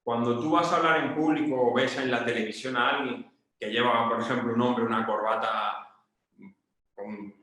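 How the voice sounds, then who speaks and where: A man's voice: medium pitch, fairly even intonation, moderate pace, pushed and bright. Spanish man coaching, very echoey room. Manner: explains with examples, asks "¿vale?". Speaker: public speaking coach. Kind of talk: casual video lesson.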